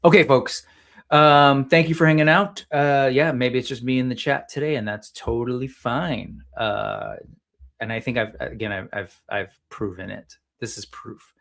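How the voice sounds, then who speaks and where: A man's voice: medium pitch, normal speed, gravelly, a bit bright. A man hosting a casual solo livestream about toy collecting, rambling and often interrupting himself with self-deprecating asides.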